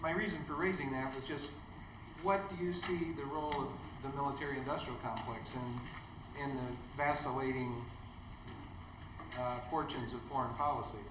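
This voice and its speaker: A man's voice: mid-range voice, fairly even intonation, normal speed. A man in the audience asking a hesitant question from the floor, restarting his words. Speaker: audience member. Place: lecture hall. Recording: echoey hall with clear noise.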